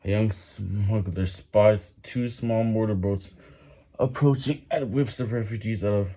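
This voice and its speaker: A man reading a written text aloud haltingly and with effort while doing push-ups, with some background noise. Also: fairly low pitch, mellow. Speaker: reader.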